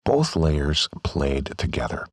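A man giving a calm, step-by-step scripted voice-over for a software tutorial. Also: very deep voice, slow pace, over music. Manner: calm, step-by-step instructional delivery.

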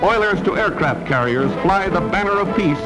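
A man's voice: sits high, animated, moderate pace, low-quality recording. A man narrating in the style of an old newsreel, with clipped headline phrasing that drops articles. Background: loud music.

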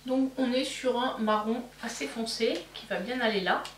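Casting note: relaxed beauty vlogger, fairly high voice, a bit distant from the mic. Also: female voice, normal speed, slight background noise. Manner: chatty, self-mocking, with frequent fillers. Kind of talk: casual makeup haul show-and-tell. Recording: roomy, somewhat distant mic.

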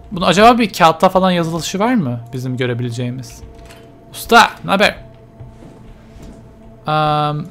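A man's voice: fairly high pitch, fairly bright tone. Jittery young-sounding man muttering through a horror game. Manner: jittery, mutters to himself while playing. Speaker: let's play gamer.

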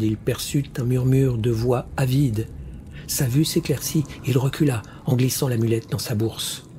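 Measured male audiobook narrator. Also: mid-range voice, warm tone, a little hiss or hum. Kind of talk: scripted fantasy narration.

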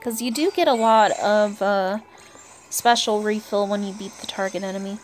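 Over faint background music, a woman with a medium-pitched voice chats casually at a moderate pace while playing a game and hosting her channel. She often talks to herself and to the game's characters, recorded indoors as a voice-over with the game music running.

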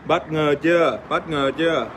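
An Australian man, native English speaker, joking crudely with fans in casual livestream chat, halting with fillers and swearing playfully. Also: on the high side, background noise. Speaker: livestream host. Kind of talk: casual livestream chat reading fan comments.

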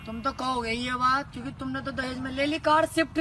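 A man performing a comic sketch, teasing his friends with quick comebacks. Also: very high-pitched, steady tone, over loud music. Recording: noisy phone-video recording.

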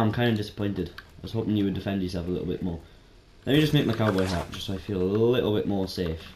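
Man, game streamer, casual let's-play commentary, chatty and excitable, echoey room, faint background noise. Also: on the low side. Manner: chatty, excitable, with sudden startled yelps. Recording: roomy echo, faint noise.

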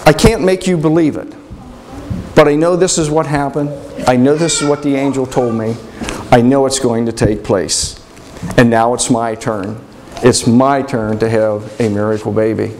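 Young woman Mary, voiced by a male storyteller: gentle, insistent, certain. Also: medium pitch, fairly even intonation, moderate pace, background noise, voice pushed down, natural voice.

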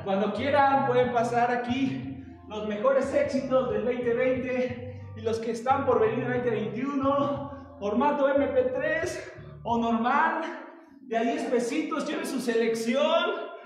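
High-voiced Mexican man coaching a workout. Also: fairly even intonation, takes it slowly, faint music behind. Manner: playful, coaxing, calls out counts and cues. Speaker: fitness instructor. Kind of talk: live online exercise class. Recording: echoey hall from far off.

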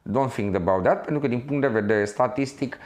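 A man's voice: mid-range voice, darkish tone. A man hosting an academic interview, debating points with his guest and addressing the audience. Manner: debating points, then wrapping up the segment for listeners. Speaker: interview host.

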